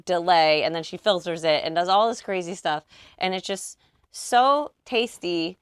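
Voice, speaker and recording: A woman's voice: on the low side, a little slow, clean tone, dry recording. A woman vocal producer walking through her track in a recording studio, chatty and gushing with slang. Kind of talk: casual studio walkthrough.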